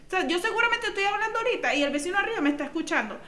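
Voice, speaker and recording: A woman with a Venezuelan accent co-hosting a casual podcast, telling animated stories in heavy slang. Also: extremely high pitch, racing. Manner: animated storyteller, slangy, calls people "mi amor". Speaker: podcast co-host.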